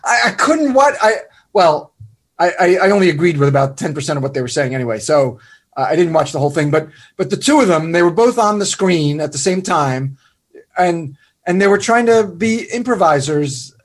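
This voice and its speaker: Man, radio host, high and husky, animated and wry in conversation. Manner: animated, mocking impressions, quick asides. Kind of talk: casual interview conversation.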